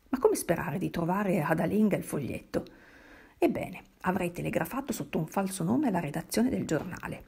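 Brief: female reader, literary read-aloud, dramatic first-person delivery, gravelly and breathy. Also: on the low side, dark tone. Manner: dramatic first-person reading with whispered asides. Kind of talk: literary reading aloud of a novel.

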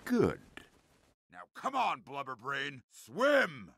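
A man voicing a menacing, vain ape pirate captain in an animated film, gruff and sneering. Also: on the high side, slow pace, no room sound, heavily acted. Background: film score.

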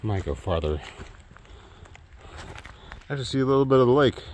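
A man's voice: medium pitch, lively intonation, moderate pace, noisy background. A man in his thirties vlogging casually while hiking a wooded trail, rambling and trailing off with fillers, recorded on an earbud mic with the phone at arm's length. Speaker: thru-hiker vlogger.

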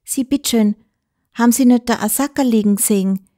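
A woman's voice: fairly high pitch, fairly quick, dark tone, voice pushed up, natural voice. A woman voicing a frightened young girl who has run away, pleading in a Bavarian accent. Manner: pleading, breathless dialect speech.

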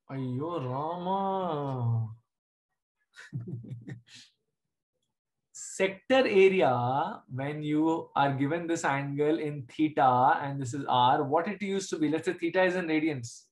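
A man's voice: fairly high pitch, expressive, moderate pace, hardly any pauses, poor audio. A middle-aged man with an Indian accent teaching a live online maths lesson, informally, checking understanding with short questions. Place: indoors at a desk, screen-share video class.

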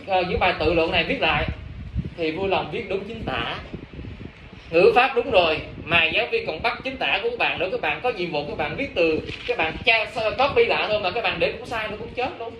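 In a noisy classroom captured from afar with a roomy sound, an English teacher speaks high, bright and forceful, animated and a little quick. He coaxes the students, repeatedly asking if they've understood.

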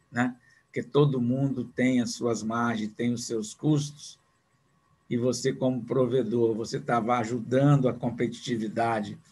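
Medium in pitch and slightly rough, this man's voice carries a business lecture given over a video call. He's in his sixties and speaks in a chatty way, with repeated words and questions he doesn't expect answered.

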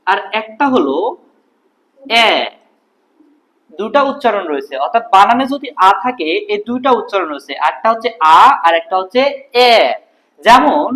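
Lively teacher quizzing students. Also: medium pitch, poor audio. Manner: explains step by step, asks and answers own questions. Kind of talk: classroom grammar lesson.

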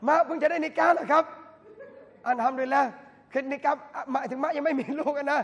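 A man, a religious lecturer, giving a lively talk at a mosque event and bantering with the audience through direct questions. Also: extremely high pitch, brisk. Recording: long hall reverb from a mosque.

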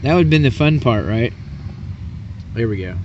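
A man's voice: medium pitch, animated, moderate pace, darkish tone. Chatty folksy guy cooking outside at night, a bit far from the mic, muffled, cars going by. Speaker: cooking vlogger. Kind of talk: casual cooking demonstration. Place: outdoors at a camp stove at night. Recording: distant, dull camera audio with outdoor noise.

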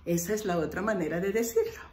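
A woman English teacher, patiently explaining grammar and slowly repeating example phrases. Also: medium pitch, expressive, a little mellow, roomy sound, a little hiss or hum. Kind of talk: online lesson explaining grammar.

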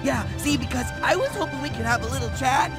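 Casting: goofy, friendly, naive cartoon jungle guy, animated high voice, game music behind. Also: fast. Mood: clueless. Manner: goofy, naive, refers to himself by name. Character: dim, cheerful, friendly young jungle man. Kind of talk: cartoon video game acting.

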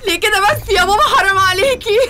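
A woman's voice: very high voice, quick pace, background noise. An actress playing a whiny young bride with an Egyptian accent, pleading with her mother and groom. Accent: Egyptian Arabic.

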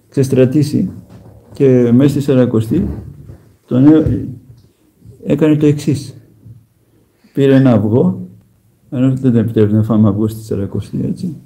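Dark-voiced man giving a sermon. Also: mid-range voice, low-quality recording. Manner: plain storytelling with gentle humor; emphatic direct address to listeners. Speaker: Orthodox monk preaching. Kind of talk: conversational sermon.

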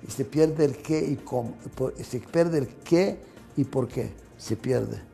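A man's voice: mid-range voice, slow pace, gravelly, dark tone, soft background music. An older man giving a management lecture, emphatic and repetitive, asking rhetorical questions, with slightly non-native grammar.

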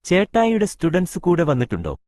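A man's voice: high-pitched, wildly swooping pitch, fast talker, a little mellow, no echo, voice pushed up. A curious, chatty young woman, as a male narrator puts her on. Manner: persistent questioning.

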